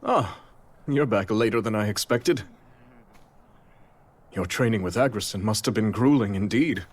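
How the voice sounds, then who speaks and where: An actor playing a wise king weighed down by his duty, speaking in a measured, reflective way. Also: fairly low pitch, lightly acted. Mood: gentle. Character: wise, burdened king of a fantasy realm. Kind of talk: video game cutscene acting. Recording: game cutscene with music behind.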